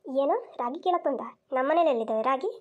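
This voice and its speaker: Cartoon comedy scene with a woman playing a grumbling old mother-in-law who scolds everyone and complains nobody listens to her. The voice sits high, with rustic village talk full of grievances. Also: lively intonation, fast, phone-quality sound. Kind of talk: cartoon voice acting.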